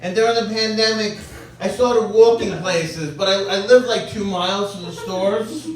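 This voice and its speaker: A man doing a deadpan, self-deprecating stand-up set, bantering with the audience. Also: sits high, normal speed, recorded from a distance. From Long Island, New York. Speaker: stand-up comedian. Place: comedy club with a laughing audience. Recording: echoey club, mic heard from afar, loud crowd.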